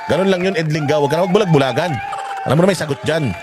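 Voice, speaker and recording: A man's voice: on the high side, rapid-fire, over a noisy crowd. A man giving heated political commentary, cursing often and restarting his sentences. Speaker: political vlogger.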